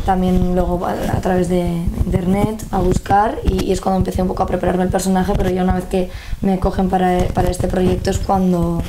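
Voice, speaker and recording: A woman's voice: fairly low pitch, background noise. A young woman in her twenties, an actress answering interview questions hesitantly with many fillers. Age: 20s. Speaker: lead actress. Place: indoor press room in front of a film poster.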